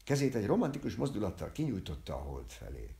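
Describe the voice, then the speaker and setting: Lively, gravelly male audiobook reader. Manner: lively, voicing characters' lines higher and louder. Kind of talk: literary audiobook reading. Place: home.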